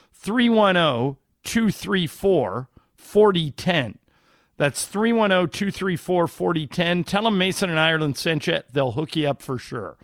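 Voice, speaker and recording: An American man talks as a sports radio co-host in a conversational style. His voice sits a little high. The sound is very dry and close. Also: fairly bright tone, dry recording. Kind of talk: casual sports talk and live ad reading.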